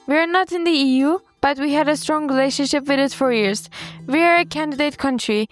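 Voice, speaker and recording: Young woman, high bright voice, careful scripted delivery, soft music behind. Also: brisk. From Turkey. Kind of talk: scripted statement.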